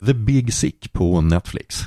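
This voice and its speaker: A man co-hosting a casual film chat, making quick asides. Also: lowish voice, expressive, mellow, no echo, studio quality. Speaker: podcast co-host.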